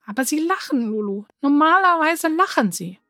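A woman's voice: sits high, sing-song, moderate pace, no echo, studio quality, voice pushed up, heavily acted. A woman voicing a shy, timid boy who talks hesitantly in a children's story. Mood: downcast. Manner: hesitant, quiet.

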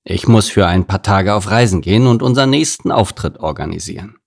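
A man's voice: sits low, expressive, brisk, gravelly, breathy edge, exaggerated voice. A man reading a storybook and voicing a male circus director giving his animals instructions. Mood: instructing.

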